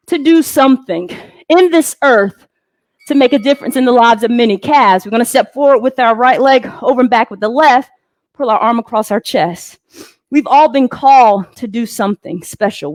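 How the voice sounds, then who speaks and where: A woman's voice: a little high, dry recording. A woman fitness instructor leading a guided workout, calling out moves with upbeat encouragement. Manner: upbeat coaching cues with encouragement.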